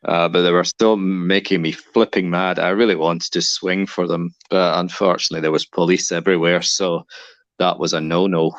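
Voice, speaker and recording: A man's voice: low-pitched, little pitch movement, moderate pace, fairly bright tone, dry recording, highs cut off. A man with a mixed Danish and Scottish accent, chatting bluntly as a guest on a live stream over his mobile phone. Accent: Danish-Scottish mix. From Denmark. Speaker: guest caller. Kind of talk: casual chat.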